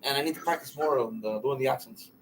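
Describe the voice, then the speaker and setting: A man's voice: medium pitch, quick pace, a little hiss or hum, rough recording. A man co-hosting a casual chat podcast, talking in earnest, rambling runs and steering the topics. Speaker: podcast co-host.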